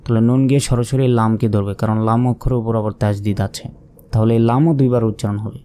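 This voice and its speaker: A man with a mellow, dark-toned voice teaches reading letter by letter. He asks a question, answers it himself, and stretches each recited syllable out slowly. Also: fairly low pitch, steady tone. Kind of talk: step-by-step spelling lesson.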